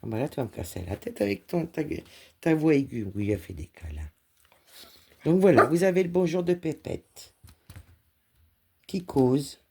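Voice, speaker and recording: A woman's voice: low-pitched, lively intonation, moderate pace, long pauses, a little mellow, husky. A woman cross-stitch vlogger chatting casually while she stitches and talks fondly to her dog.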